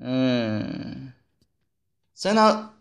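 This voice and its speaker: A young man gently and patiently questioning his little daughter in a casual, playful chat. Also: medium pitch, big pitch swings, extremely slow.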